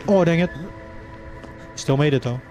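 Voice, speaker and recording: A man's voice: on the high side, moderate pace, a little mellow, soft background music. A Dutch man streaming a game live, chatting casually with his viewers and laughing between lines. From Netherlands. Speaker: livestreamer. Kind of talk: casual chat while gaming live.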